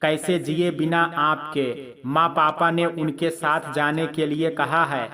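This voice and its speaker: A man's voice: on the high side, level tone, slow, a crowd in the background. A man voicing a grieving, angry young widowed wife in a spoken Hindi story, with accusing, tearful questions.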